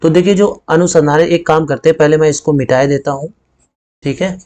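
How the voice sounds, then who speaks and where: A man's voice: on the high side, steady tone, fairly quick, dark tone. A man teaching a Hindi spelling lesson. He explains step by step and says each word twice. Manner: explains step by step, often adding "ठीक है" and repeating words.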